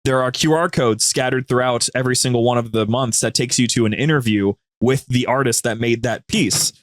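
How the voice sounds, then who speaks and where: In a casual interview, a podcast guest who co-hosts a media group's show explains things with eager storytelling. He has a mid-range voice, speaks a little fast, and the studio-quality audio has no room sound.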